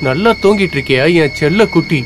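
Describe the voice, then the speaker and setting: An actor playing a sly, greedy young schemer. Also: male voice, a little high, lively intonation, fast talker, over loud music, natural voice, low-quality recording. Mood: menacing. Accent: Tamil. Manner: sly, mocking, menacing. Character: scheming greedy young man, fiancé after inheritance. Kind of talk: film drama dialogue.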